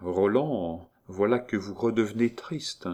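A man's voice: on the low side, measured pace, darkish tone. A man voicing Nita, a teasing young princess. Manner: light, raised, coquettish. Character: young noblewoman, playful and teasing. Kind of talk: audiobook reading.

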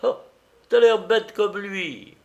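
Man doing a young female cook, playful, high-pitched, mocking, giggly, storybook figure. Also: slow pace, highs cut off. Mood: teasing.

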